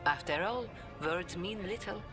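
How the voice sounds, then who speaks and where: A flattering trade agent in a video game, all ornate compliments and theatrical turns. Her pitch swings widely through each grand phrase, with game music clearly playing behind her. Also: unhurried. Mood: grave.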